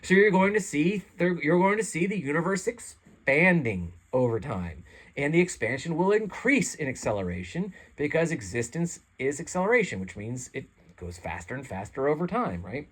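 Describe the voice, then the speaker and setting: A congested channel host, sitting in a chair, reads his own essay aloud in an earnest, rambling, self-deprecating manner before signing off casually. His voice is a little high and breathy-edged, with big pitch swings and a moderate pace, recorded on a home microphone that picks up some chair rubbing.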